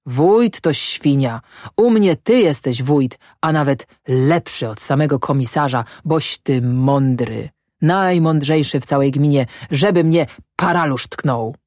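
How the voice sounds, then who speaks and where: A woman reading an audiobook and voicing a drunk, quarrelsome peasant man who blusters and shouts, in a dry, close sound. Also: deep voice, unhurried, no echo. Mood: drunken flattery. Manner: blustering, shouting, fist-pounding.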